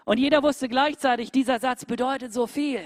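Eine Frau hält eine emphatische Predigt und senkt dabei oft abrupt Tonhöhe und Lautstärke. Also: female voice, steady tone, fairly quick, no room sound, clean studio sound. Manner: emphatic, with sudden drops in pitch and volume. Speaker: preacher. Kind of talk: sermon.

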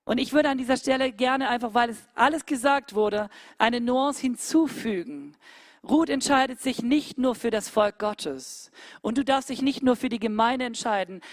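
Eine Frau hält eine emphatische Predigt und senkt dabei oft abrupt Tonhöhe und Lautstärke. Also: female voice, no echo, clean studio sound. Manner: emphatic, with sudden drops in pitch and volume. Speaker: preacher. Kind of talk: sermon.

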